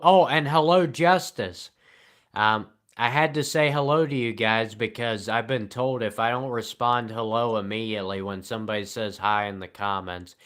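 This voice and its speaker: A man on a live stream answers chat messages dryly and sarcastically in a flat delivery, pausing at length between remarks. His voice is on the low side.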